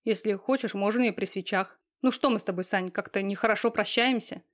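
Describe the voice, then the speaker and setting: A woman's voice: medium pitch, brisk, lightly acted. A woman voicing a smug, cold, lazy young man in an audiobook, talking in an offhand, sneering way with coarse slang. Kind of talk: audiobook reading.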